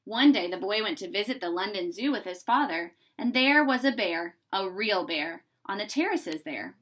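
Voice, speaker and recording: The speaker is a woman reading a children's book aloud at medium pitch. Her storytelling is expressive and measured.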